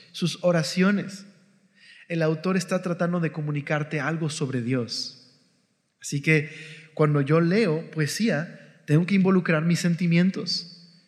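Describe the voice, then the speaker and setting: A man giving a conversational devotional Bible teaching, often checking in with his listeners. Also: a little high. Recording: long hall reverb.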